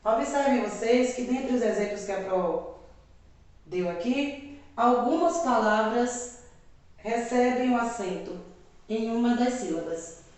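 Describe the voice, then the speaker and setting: Brazilian lady teacher, slow and careful for kids, kinda far from the mic in a super echoey room. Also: fairly high pitch, animated, a little mellow. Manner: slow, careful, repeats example words. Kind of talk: video lesson for children.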